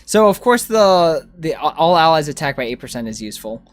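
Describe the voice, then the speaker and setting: Speaking briskly in a mid-range voice, this streamer chats informally during a game, musing out loud and answering viewers. The recording is dry, and their reactions to chat are lively.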